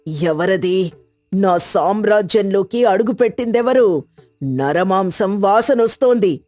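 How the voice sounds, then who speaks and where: A woman's voice: mid-range voice, expressive, slow pace, warm tone, no echo, soft background music. A woman voicing a scheming, greedy old village woman who fakes cures and mutters to herself. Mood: ghostly menace.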